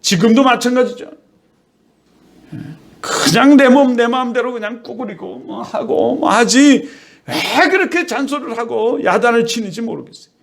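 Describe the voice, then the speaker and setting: High-voiced animated male preacher. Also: moderate pace, creaky. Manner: lively preaching, acts out children and parents. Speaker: pastor. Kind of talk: sermon.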